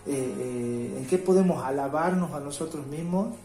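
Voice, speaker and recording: A man preaching a home devotional sermon. He reads scripture slowly and keeps checking in with his listeners by asking "¿sí?". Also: on the high side, mellow. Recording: roomy echo with faint music.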